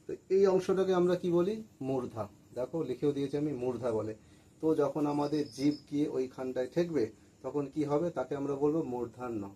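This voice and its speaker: This lesson to school students comes from a man with a warm, mid-range voice, recorded in low quality with faint background noise. Working in a room with a board, he patiently repeats words and answers his own questions.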